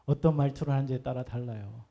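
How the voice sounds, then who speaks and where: A man's voice: mid-range voice, steady tone, quick pace, gravelly, highs cut off. A man preaching a sermon as pastor, talking conversationally and putting rhetorical questions to the congregation.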